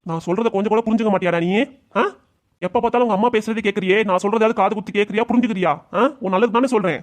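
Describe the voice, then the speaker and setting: Brief: cartoon patriarch, stubborn and commanding, rapid scolding, voiced by a man. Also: a little high, steady tone, close to an everyday voice. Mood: angry shouting. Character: stern elderly father-in-law, stubborn head of the house. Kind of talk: amateur cartoon voice acting.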